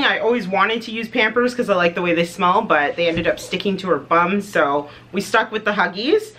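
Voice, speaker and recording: A woman's voice: mid-range voice, sharp tone. A woman in her thirties from Canada, chatting casually to camera as a motherhood vlogger, upbeat and full of details. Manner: chatty, upbeat, lists details with light fillers.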